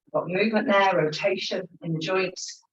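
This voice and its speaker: A woman's voice: mid-range voice, normal speed. Woman, Pilates instructor, encouraging, counting reps, cueing breaths, roomy echo, slightly muffled. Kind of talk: guiding an exercise class. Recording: roomy, slightly dull sound.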